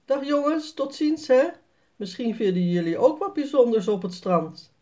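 A woman's voice: fairly high pitch, animated, normal speed, dark tone, voice pushed up, close to an everyday voice. A woman voicing a friendly adult male beachcomber in a children's story, explaining things in a kindly way.

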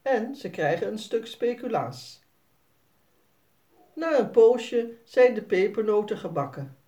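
A woman gently reading a children's story aloud as the storyteller. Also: fairly high pitch, very animated, takes it slowly. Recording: voice a bit distant from the mic.

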